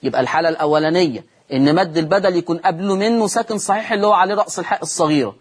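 A man's voice: high-pitched, rapid-fire, slightly rough. A man with an Egyptian accent teaching Quran recitation rules on a TV lesson, repeating key terms and answering his own questions. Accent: Egyptian Arabic.

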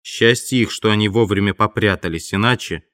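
A man's voice: fairly low pitch, brisk, a bit bright, no echo, clean studio sound, lightly acted. A man voicing a menacing invisible man who gives curt, threatening commands, in an audiobook.

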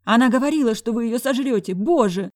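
A woman's voice: lively intonation, a little fast, a little mellow, natural voice. A woman putting on a panicked, pleading woman. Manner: pleading, high and agitated. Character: panicked, tearful middle-aged woman.

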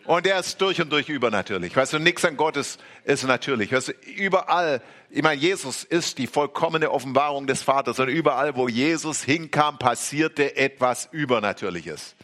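A man's voice: mid-range voice, expressive, normal speed, hardly any pauses, a bit bright. A man preaching a charismatic sermon, fervent and repetitive, with exclamations and speaking in tongues. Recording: faint music behind.

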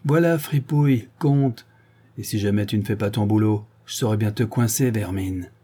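A man's voice: fairly low pitch, moderate pace, dark tone, breathy edge. A man voicing a suspicious, hot-tempered old male farmer who barks his lines scornfully. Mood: menacing. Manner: barking, scornful.

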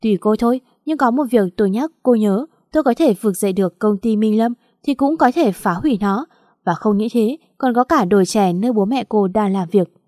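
A woman's voice: medium pitch, brisk, warm tone, dry recording, studio quality, close to an everyday voice. A woman voicing a cold, mocking young businessman in a storybook reading.

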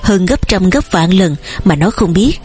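A woman with a breathy voice reading the lines of a stern old farmer father who shouts and scolds in an audiobook. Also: lowish voice, expressive, unhurried, faint music behind. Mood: angry.

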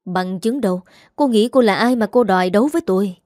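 Stern older matriarch, voiced by a woman, commanding; low warm tone, audiobook drama. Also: a little fast, dry recording, studio quality, close to an everyday voice. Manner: severe, commanding.

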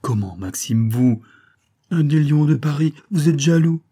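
A carefree young society lady, teasing and airy, her voice pitched well up, as a male narrator puts her on. It has a soft, husky edge and warm, dark colour. This is a storybook reading. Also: animated, unhurried.

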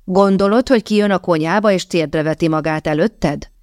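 A woman's voice: lowish voice, darkish tone, no echo, studio quality, close to an everyday voice. A woman voicing a stern older aunt who keeps house, scolding and giving firm commands.

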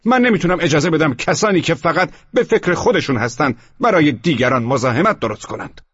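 A bullying police chief in a storybook, barking his questions in a raised, husky voice that swings up and down, as a narrator puts him on. The sound is muffled and lo-fi, with a dry, close feel. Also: on the high side, expressive, no room sound, pitched above the performer's own voice. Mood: interrogating. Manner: shouting, hectoring, suspicious. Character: loud, brusque middle-aged male police chief. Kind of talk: audiobook character voice. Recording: muffled lo-fi audio.

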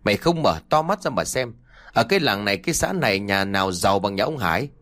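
A man's voice: lowish voice, expressive, quick pace, fairly bright tone. Guy doing an angry old dad, barks and hisses orders, big swings up and down. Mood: domineering. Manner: barking, hissing threats. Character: furious stern old village father.

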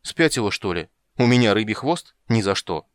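A man's voice: lowish voice, expressive, moderate pace, clean tone, no echo, lightly acted. A man voicing a hot-tempered, lovesick prince who barks orders. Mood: blustering. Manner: blustering, barking orders.

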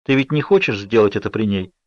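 A man reading an audiobook, voicing a young woman who gives hoarse, firm orders. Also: lowish voice, quick pace, no room sound, lightly acted. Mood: urgent, commanding. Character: slight young woman, tense and commanding. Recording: dry, slightly dull audiobook recording.

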